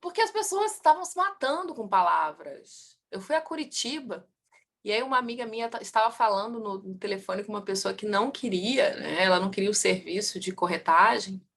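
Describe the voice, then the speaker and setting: A woman teaching a class on family constellation, asking the students questions and answering them herself, her voice rising and falling in loudness and speed. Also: mid-range voice, fairly quick, gravelly. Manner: lively, swings in loudness and pace.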